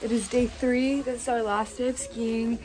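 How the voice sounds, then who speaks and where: A young adult woman vlogs upbeat to a handheld phone camera, narrating casually outdoors and inside a ski lodge. Her voice is a little high and slightly mellow, with flat delivery at a moderate pace, and the poor audio carries some hiss or hum.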